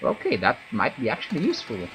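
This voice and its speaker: A man's voice: medium pitch, wildly swooping pitch, fast, a bit bright, a little hiss or hum. A man hosting a let's play, giving casual commentary with wry, joking asides. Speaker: gaming video host.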